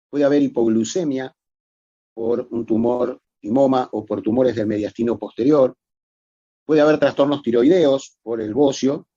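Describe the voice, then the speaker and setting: A man's voice: mid-range voice, dark tone, dry recording, dull audio. A man giving a recorded medical lecture, explaining methodically and addressing students formally.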